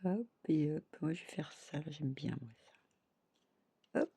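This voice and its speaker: A woman's voice: low voice, lively intonation, unhurried, warm tone, husky, no room sound. A woman craft vlogger chatting casually to her viewers, thinking aloud and dotting her talk with little "hop" and "voilà".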